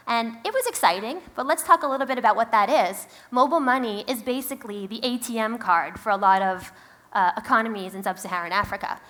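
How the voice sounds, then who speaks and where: The keynote speaker at this conference is a company founder with a Queens, New York accent and a fairly high, slightly bright voice. She talks in a conversational, wry, emphatic way.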